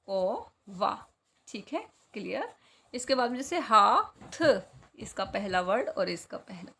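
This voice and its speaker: A woman's voice: fairly high pitch, fairly bright tone, slight background noise. A woman teacher explaining a children's Hindi workbook, asking questions and answering them herself. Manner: slow, patient, asks and answers her own questions.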